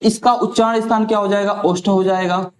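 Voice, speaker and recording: A man's voice: sits high, fairly even intonation, a little fast. A male teacher running an exam-prep lesson, who asks each question aloud and then answers it himself. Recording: echoey room.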